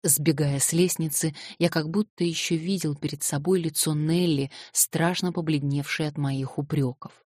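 A woman narrating a classic novel in a measured, literary reading. Her voice is low and steady. The recording is dry and close, with no room sound. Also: slightly rough, no room sound. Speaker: audiobook narrator. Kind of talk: scripted narration.

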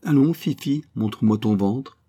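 A man reading a story aloud, voicing a kindly farmer who talks fondly and heartily to a pet bird in a raised, lively voice. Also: medium pitch, moderate pace, lightly acted. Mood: warm, jovial. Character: kindly good-humored male farmer, tender with a pet bird. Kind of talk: storybook character voice.

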